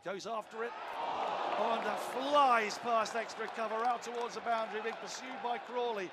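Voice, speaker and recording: A man giving live radio cricket commentary in vivid, clipped phrases, with an excitable manner. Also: very high-pitched, normal speed. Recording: loud crowd noise at outdoor ground. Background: loud cricket crowd, outdoor ambience.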